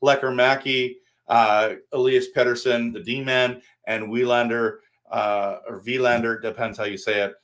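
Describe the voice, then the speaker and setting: A man's voice: mid-range voice, level tone, moderate pace, hardly any pauses, fairly bright tone. A man hosting a casual live stream, rambling and answering his viewers by name while standing at his desk.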